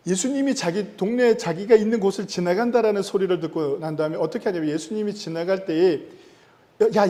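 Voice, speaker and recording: Pastor, man, high mellow voice, emphatic preaching, long church-hall reverb. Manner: emphatic preaching with rising stress and sudden drops in loudness. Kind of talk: sermon. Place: church sanctuary.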